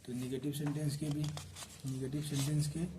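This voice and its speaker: A man with an Indian accent teaching English grammar in a slow classroom style, spelling words out letter by letter and checking in with his students. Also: fairly high pitch, little pitch movement, noisy background.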